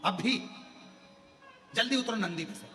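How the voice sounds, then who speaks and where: A man's voice: sits high, expressive, a little slow, bright, forceful tone, voice pushed up, heavily acted. A man voicing a goddess wife who is curious and insistent, questioning her husband. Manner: urgent, coaxing. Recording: echoey hall, faint music.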